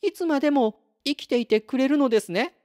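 A bright, eager little girl chatters in a high, swooping voice, her words drawn out slowly. A man puts her on in a storybook read-aloud. She sounds breathless with wonder. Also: no echo, clean studio sound. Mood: excited. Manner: pleading and excited, high and lively.

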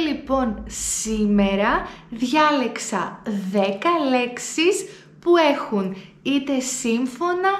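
A woman with a Greek accent and a fairly high voice leads a pronunciation lesson, stretching each word out slowly and repeating it for learners to copy. Her voice rings in an echoey room. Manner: slow, deliberate word repetitions for learners. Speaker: Greek language teacher.

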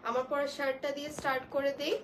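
A young woman talks low and gently because she has a cold, running a casual live sale of clothes. Her voice sits fairly high, and she keeps up an easy, chatty flow, dropping English words into her talk. A faint hiss runs under the recording. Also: flat delivery, quick pace, rough recording. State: has a cold, speaking softly. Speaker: online clothing seller. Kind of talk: live-stream product showcase.

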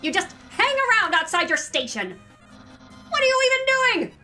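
Woman doing a pompous shouting game skeleton, very high, bright and sharp. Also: big pitch swings, moderate pace, faint music behind, heavily acted. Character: loud, vain, overeager male skeleton. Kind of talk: fan voice-over of a video game.

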